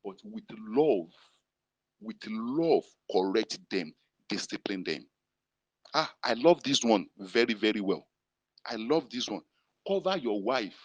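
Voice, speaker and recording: A man's voice: on the low side, big pitch swings, measured pace, long pauses, slightly rough, no room sound, dull audio. Emphatic Nigerian-accented preacher man. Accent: Nigerian, Yoruba-influenced. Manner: repetitive, emphatic preaching with call-and-response. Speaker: pastor. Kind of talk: sermon. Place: prayer room gathering, fed to an online audience.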